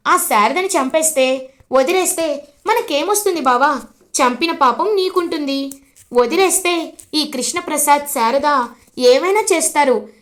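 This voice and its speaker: A woman's voice: high-pitched, fairly bright tone. A woman voicing a cunning sister-in-law who coaxes in a sly, persuasive way. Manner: coaxing, sly.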